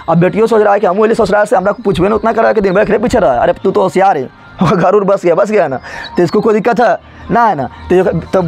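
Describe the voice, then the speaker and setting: A man teaching a class, explaining a story in a colloquial, rambling way and repeatedly quizzing students with call-and-response questions. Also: high voice.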